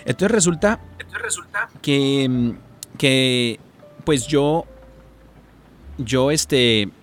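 A man's voice: medium pitch, drawn-out words, soft background music. A man with a Mexican accent, a talk-show guest giving a personal testimony, rambling with many fillers and restarts.

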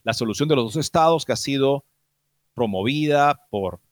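Man, news commentary host, formal measured reading, dry close sound, mid-pitched voice. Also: expressive, no echo. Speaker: program host.

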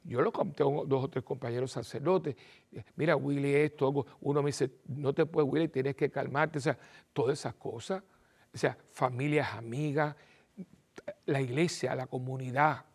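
Gravelly priest. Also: male voice, mid-range voice, moderate pace. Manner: animated, acts out little dialogues and repeats phrases for emphasis. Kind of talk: televised sermon talk.

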